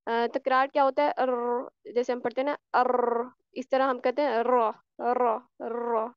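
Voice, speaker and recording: A woman's voice: high voice, steady tone, brisk, clear, resonant tone, dry recording, highs cut off. A woman teaching a recitation class online, patiently explaining and repeating sounds for her students. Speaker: tajweed teacher.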